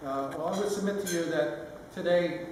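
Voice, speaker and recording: An older man giving a sentimental, lightly humorous father of the bride speech, halting with pauses mid-phrase. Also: fairly high pitch. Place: large reverberant room at a wedding reception. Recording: echoey hall, distant mic, noisy room.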